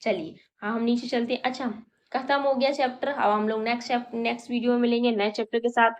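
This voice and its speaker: A woman's voice: on the high side, fairly even intonation. Patient woman teacher, lo-fi sound. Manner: patient, counting slowly and repeating questions. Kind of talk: classroom lesson to young children.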